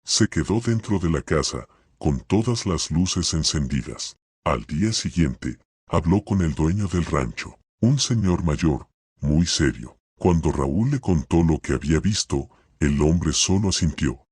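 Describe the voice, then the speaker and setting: A man with an extremely low, husky voice reads a horror tale slowly and steadily. The sound is dry and close, with no room around it. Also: expressive, a little mellow, no room sound. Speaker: narrator. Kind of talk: scripted horror narration.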